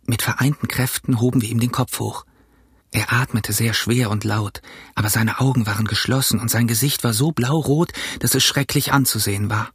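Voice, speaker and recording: Husky man reading an audiobook. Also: medium pitch, dry recording, studio quality. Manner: steady, measured storytelling. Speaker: narrator.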